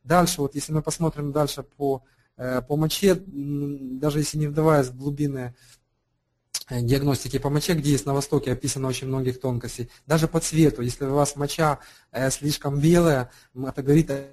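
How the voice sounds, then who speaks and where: A man's voice: mid-range voice, steady tone, brisk, a little mellow. A man talking as an alternative health practitioner, unscripted and hesitant, with frequent fillers and restarts. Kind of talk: unscripted explanatory talk.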